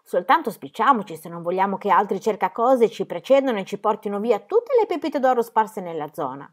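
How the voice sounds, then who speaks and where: A woman reading aloud, voicing a bold, cheerful girl who tells tall tales with lively exclamations. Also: medium pitch, a little fast. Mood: bold, cheery.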